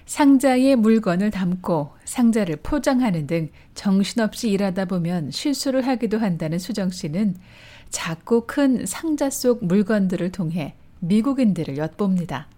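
Mellow woman narrating a documentary. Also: medium pitch, expressive. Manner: measured, literary reading. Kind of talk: scripted storytelling narration.

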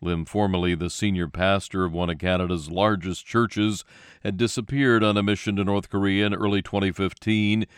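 A man's voice: low voice, fairly even intonation, normal speed, clean tone, no room sound, clean studio sound. A man reading scripted radio news as the anchor.

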